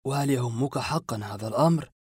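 Guy doing a worn out dad, quiet low voice, dry close sound. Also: quick pace, husky, no room sound, natural voice. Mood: calm. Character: weary masked father, middle-aged man, trapped.

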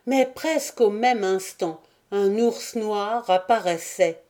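A woman narrating an adventure novel as an audiobook, reading in a steady, deliberate way. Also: mid-range voice. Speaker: audiobook reader. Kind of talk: scripted narration.

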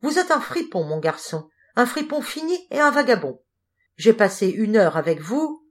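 A woman's voice: on the high side, big pitch swings, normal speed, pitched above the performer's own voice. A woman voicing a stern, pious old knight who lectures a young thief. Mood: scornful. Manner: solemn, moralizing.

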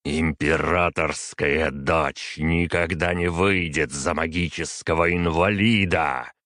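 A man's voice: very deep voice, steady tone, fairly bright tone, no room sound, studio quality, full character voice. A man voicing a stern, unbending aging emperor who speaks curtly and commandingly to his daughter. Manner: curt, measured, commanding.

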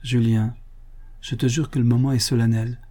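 A man reading aloud voices an anguished young woman who pleads in a trembling, breathy hush. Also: medium pitch, level tone, normal speed, close to an everyday voice. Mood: pleading anguish. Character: anguished young woman bride, fearful and torn.

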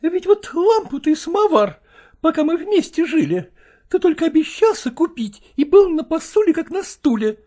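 A woman voicing a sharp-tongued middle-aged wife who scolds her estranged husband in a shrill, needling way. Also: sing-song, moderate pace. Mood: scolding.

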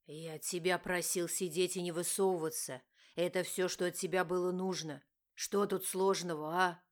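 A harsh, domineering young husband who growls and barks his words, as a woman reading the audiobook puts him on. The voice sits low and rough, snapping out short, bitter lines. It is a storybook reading, not a studio drama. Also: fairly even intonation, fairly quick, fairly bright tone. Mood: angry.

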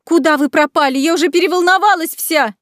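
A woman voicing an excitable, chatty young female maid in a storybook reading, breathless and exclaiming. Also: extremely high pitch, quick pace, dry recording, clean studio sound, voice pushed up. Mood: eager.

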